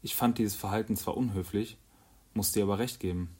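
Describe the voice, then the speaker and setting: Male audiobook narrator, low voice, calm first-person reading. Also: brisk, slightly rough.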